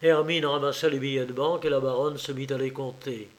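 A man narrating an audiobook in a measured way, with occasional small hesitations. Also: mid-range voice, fairly even intonation. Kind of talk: audiobook reading.

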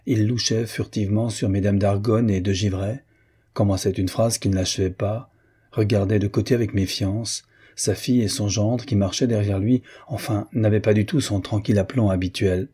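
A man reading a novel aloud in a measured, literary way. His voice is low and mellow, with a husky grain. The delivery is steady and unhurried. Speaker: narrator. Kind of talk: audiobook narration.

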